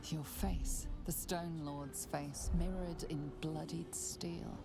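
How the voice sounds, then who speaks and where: A woman acting as a solemn fantasy game narrator, hushed and deliberate as she describes visions. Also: low-pitched, steady tone, creaky, full character voice. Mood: ominous, hushed. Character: solemn, ominous female storyteller narrating visions. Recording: loud music under the voice.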